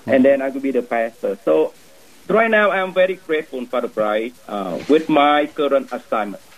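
A man's voice: mid-range voice, animated, normal speed, poor audio. A man in his thirties from Vietnam, a priest speaking English with a Vietnamese accent, earnestly telling his vocation story.

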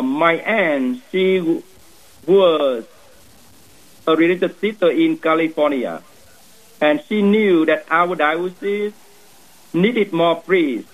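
Man, Vietnamese accent, Vietnamese native speaker, priest, fairly high voice, earnest measured telling, radio sound. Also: a bit bright, low-quality recording. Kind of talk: personal vocation story.

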